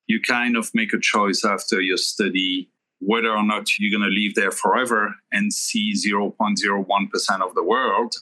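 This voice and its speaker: A middle-aged man from Belgium, a firm founder answering interview questions in a measured, explanatory way with pauses mid-sentence. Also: on the low side, bright, forceful tone, poor audio. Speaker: guest, investment firm founder.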